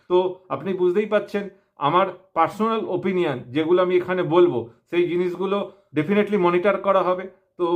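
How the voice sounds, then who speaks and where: A man with a West Bengal Bengali accent introducing himself to viewers as a channel host, speaking through a face mask. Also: sits high. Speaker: YouTube opinion channel host. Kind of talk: self-introduction talk to viewers.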